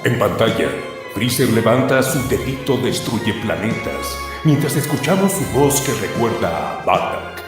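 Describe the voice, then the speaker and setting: A man's voice: on the low side, very animated, unhurried, music in the background. A man narrating a cartoon episode like a storyteller, adding comic asides. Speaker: storyteller, streamer.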